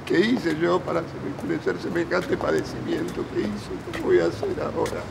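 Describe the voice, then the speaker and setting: An actor playing a melodramatic, self-pitying widower who pleads theatrically and repeats himself, in a telenovela. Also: male voice, fairly high pitch, huge pitch swings, moderate pace, gravelly, noisy background, full character voice. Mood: anguished. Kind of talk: telenovela acting.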